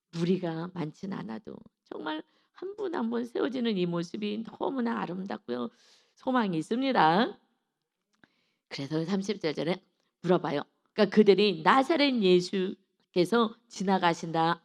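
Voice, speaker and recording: Fervent woman pastor, gravelly voice. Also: medium pitch, a little mellow. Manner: fervent, acts out biblical dialogue, calls for amen. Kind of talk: dawn devotional sermon.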